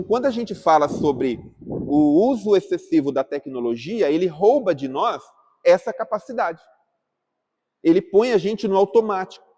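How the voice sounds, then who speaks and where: A man's voice: sits high, mellow. A man teaching a class at church, talking casually and asking the group questions. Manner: asks the group questions, calling on people by name. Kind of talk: interactive class talk.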